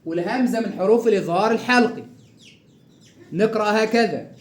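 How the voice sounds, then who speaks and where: A man with a fairly high voice and an Egyptian accent teaches a tajweed lesson. He explains briskly and speaks directly to the learner, then stretches each example out slowly. The room around him rings with echo. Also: a little hiss or hum. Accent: Egyptian Arabic. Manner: repeats each example slowly and drawn out after quick explanation; instructive, addresses the learner directly. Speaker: Quran recitation teacher.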